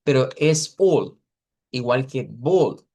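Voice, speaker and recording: A man teaching an English pronunciation class over a video call, patiently repeating model words slowly for his students. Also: mid-range voice, expressive, vocal fry, dark tone. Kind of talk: online class correcting students.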